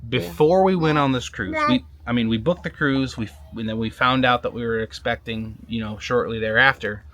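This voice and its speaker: A man talking casually in a sit-down vlog, halting and repeating words, often checking in with "right?". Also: mid-range voice, bright, forceful tone. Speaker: vlogger, husband.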